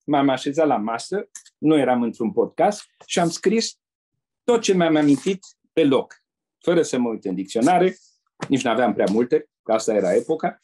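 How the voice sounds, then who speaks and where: An older man from Romania, a retired diplomat, telling anecdotes as a guest in an interview in a measured way. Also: mid-range voice, sing-song, dark tone, slightly rough. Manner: measured storyteller who acts out quoted people.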